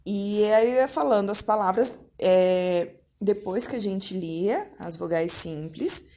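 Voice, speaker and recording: A woman's voice: mid-range voice, slow, mellow. A woman, a mother, explaining something to her viewers at home in a casual, chatty way, often tagging her sentences with little questions. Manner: chatty, frequent tag questions. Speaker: mother and vlogger. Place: at home indoors.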